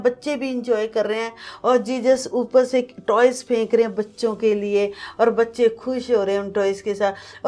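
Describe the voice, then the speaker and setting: A woman's voice: a little high, a little mellow. Earnest woman telling a vivid testimony. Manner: earnest, vivid storytelling mixing in English words. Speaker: guest sharing a testimony. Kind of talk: emotional personal testimony to a pastor.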